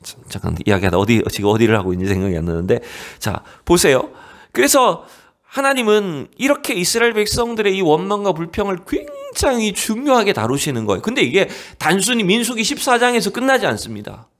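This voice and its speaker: A male pastor preaching a Wednesday sermon in a church, slowing down to read scripture aloud. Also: high voice, big pitch swings, a bit bright. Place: church sanctuary.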